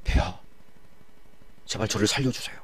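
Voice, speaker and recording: A man's voice: fairly low pitch, normal speed, slightly rough, dry recording. A man voicing a courageous young queen who pleads earnestly for her life and her people, in a dramatized Bible retelling. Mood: urgent pleading.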